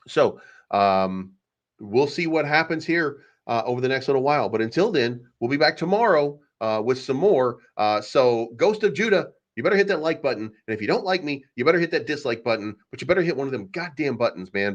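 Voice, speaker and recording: A man's voice: medium pitch, fairly bright tone. Man, sports podcast host, ranting fan commentary, repeats himself, slightly dull audio. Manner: ranting, repetitive, emphatic.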